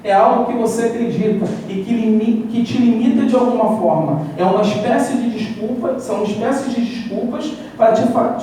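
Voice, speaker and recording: A man with a Brazilian Portuguese accent preaching a sermon and telling lively personal stories, acting out his own doubts. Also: very high-pitched, a little hiss or hum. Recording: echoey hall, mic far off.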